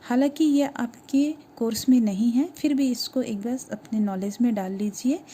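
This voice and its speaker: A woman teaching a grammar lesson to schoolchildren, explaining step by step and asking questions that she then answers herself, slowing down to sound out each letter. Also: on the high side, dark tone, slight background noise.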